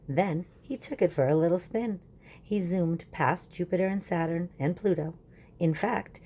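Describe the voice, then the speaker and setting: A teacher reads a picture book aloud as part of a children's lesson, instructive in manner and asking her listeners questions. Her voice is deep, warm and husky.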